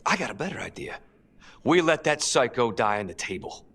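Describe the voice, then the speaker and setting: A man's voice: medium pitch, sing-song, brisk, a bit bright. An actor voicing a hostile, foul-mouthed male detective with a sneering, aggressive manner. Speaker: police detective.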